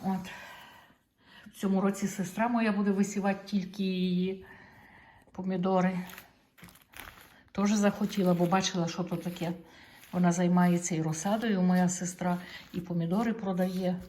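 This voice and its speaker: A woman's voice: lowish voice, fairly even intonation, normal speed, long pauses, mellow, a little hiss or hum. A middle-aged woman from Ukraine, a vlogger chatting casually to her viewers in a homely, talkative way, stretching out her words. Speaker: vlogger showing tomato seeds. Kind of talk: casual chat to camera.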